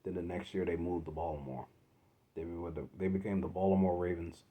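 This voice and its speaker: A man from Philadelphia hosting a solo sports podcast, exasperated, swinging from loud outbursts to low muttering. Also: fairly even intonation, fairly quick. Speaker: podcast host.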